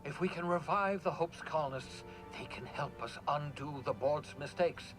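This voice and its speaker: An actor playing an eccentric, rambling colony scientist in a video game, offhand and darkly cheerful. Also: male voice, on the high side, normal speed, over music, lightly acted, rough recording. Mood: scheming. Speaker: game character.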